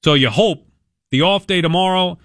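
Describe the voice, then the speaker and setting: A man's voice: high-pitched, moderate pace, fairly bright tone, no room sound, studio quality. A man hosting sports talk radio, giving opinionated commentary with emphatic repetition and rhetorical questions.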